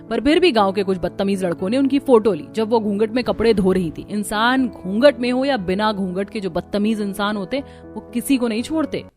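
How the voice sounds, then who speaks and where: A woman's voice: mid-range voice, a little mellow, natural voice. A woman voicing an outspoken young daughter-in-law from the city in a cartoon, frank and persuasive. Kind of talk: cartoon dubbing.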